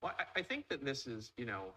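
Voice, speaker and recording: A male host with a bright, energetic voice leads a casual interview, and his words tumble out quickly. He has an upbeat, salesy pitchman's enthusiasm and a mid-range pitch. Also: slight background noise, poor audio.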